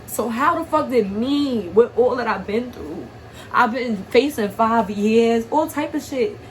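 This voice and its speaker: A woman's voice: medium pitch, noisy background. A young woman from Harlem, vlogging through tears with a stuffy nose and a shaky voice, blunt and profane. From Harlem, New York. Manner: blunt, profane, streetwise talk. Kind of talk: emotional personal vlog.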